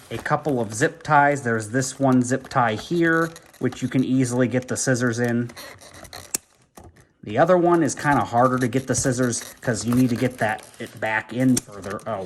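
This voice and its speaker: A man's voice: medium pitch, moderate pace, a little hiss or hum. Chatty man reviewing a toy. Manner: chatty and rambling, thinks aloud while working with his hands. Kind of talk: casual hands-on product review.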